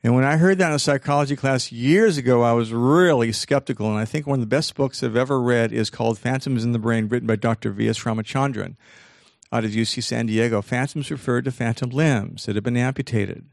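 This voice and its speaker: An older man gives an animated motivational talk in a gravelly voice, slowing down to stress the points that matter. He acts out the voices he quotes with sudden leaps in pitch. The recording is dry and close, with no room sound. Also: dry recording. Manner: slows down to stress key points. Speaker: speaker giving a talk on self-talk.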